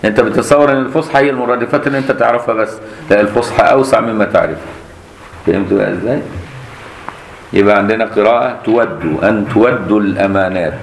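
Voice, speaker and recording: A man's voice: medium pitch, racing, creaky. A man with an Egyptian accent, a sheikh teaching Quran recitation variants, demonstrating each reading and quizzing his students. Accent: Egyptian Arabic. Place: mosque. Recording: echoey mosque with faint noise.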